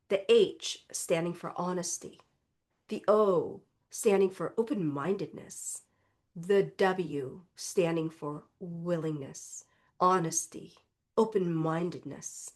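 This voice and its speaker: A woman who is a reverend and spiritual teacher gives a contemplative Sunday talk in a voice on the low side. Congested as she recovers from illness, she speaks gently and reflectively, often adding "right?".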